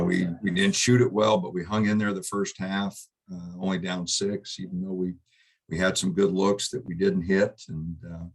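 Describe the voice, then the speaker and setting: A middle-aged man, a basketball head coach, answering questions at a postgame press conference in a subdued, halting way with many fillers. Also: deep voice.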